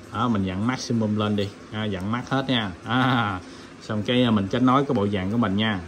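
A man walks viewers through a product demo in a loose, chatty way. He keeps dropping fillers and calling his audience friends. His voice sits in a middle range, with faint noise behind him indoors. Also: mid-range voice. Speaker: audio shop owner demonstrating gear. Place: indoor room with sound system.

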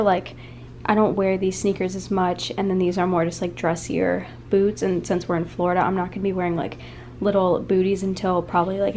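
Filming indoors on a handheld phone, a woman in her twenties rambles chattily through a home vlog of her apartment rooms and closet, dropping "like" constantly. Her voice is medium-pitched and a bit mellow, with slight hiss or hum.

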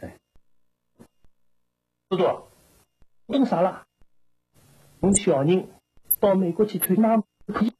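An actress playing a coaxing family member in a TV drama, speaking with a Shanghai accent. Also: female voice, mid-range voice, slow, pauses often, mellow, close to an everyday voice. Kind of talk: naturalistic television drama dialogue. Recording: very noisy old TV tape.

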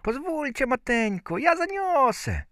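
A man voicing a tiny, cheeky peasant boy from a folk tale, talking in a shrill, pert voice. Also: very animated, measured pace, a bit bright, dry recording, studio quality, full character voice. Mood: pert, eager.

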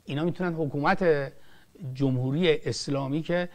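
A man's voice: a little high, a little mellow. Older man, impassioned political talk. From Iran. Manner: emphatic, rising and falling sharply, frequent restarts. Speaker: film director.

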